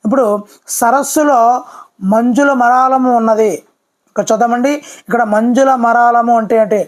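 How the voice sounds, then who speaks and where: A teacher giving a brisk voice-over exam-prep lesson, often repeating key words and addressing viewers politely. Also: mid-range voice, fairly even intonation.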